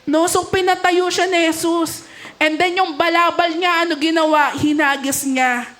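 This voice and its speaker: A young woman with a Filipino accent preaches with a high voice. She is lively and keeps asking the congregation questions, with a joke here and there. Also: moderate pace. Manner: lively, asks the congregation questions and jokes with them. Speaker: youth leader preaching at a cell celebration. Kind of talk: sermon in Taglish.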